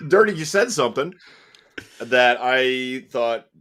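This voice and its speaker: A man's voice: mid-range voice, lively intonation, slow pace, a bit bright. A man hosting a podcast, talking casually with wry, opinionated commentary and laughing while he makes his points. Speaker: podcast host. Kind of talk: casual chat.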